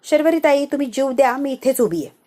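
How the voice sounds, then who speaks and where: A woman's voice: high voice, animated, a little fast, warm tone. A woman doing a fearless taunting young wife. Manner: taunting, challenging. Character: defiant young wife, fearless and sharp-tongued.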